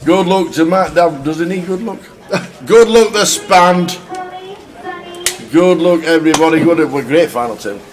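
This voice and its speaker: A British man with a noticeably high voice commentates on a live poker final table. He is chatty and joking, talking to his co-host and running through the players. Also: expressive, moderate pace, a little hiss or hum. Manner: chatty, jokey, reads out the seating line-up.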